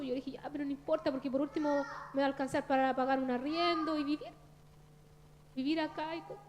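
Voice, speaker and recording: A woman's voice: high voice, darkish tone, a little hiss or hum. A Chilean woman in her thirties giving an earnest, confessional testimony at a church service, often addressing listeners as brother.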